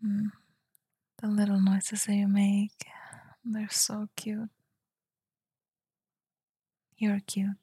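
A woman whispering softly in a tender, soothing ASMR roleplay, speaking close to the mic. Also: medium pitch, completely flat delivery, dry recording. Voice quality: breathy whisper. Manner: soft, tender and soothing, slow murmurs. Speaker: girlfriend roleplayer.

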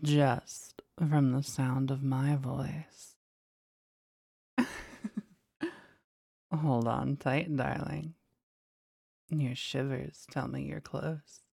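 A woman speaking in a soft, teasing and commanding whisper for an intimate ASMR roleplay. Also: very deep voice, flat delivery, takes it slowly, gravelly, slightly rough, no room sound, clean studio sound.

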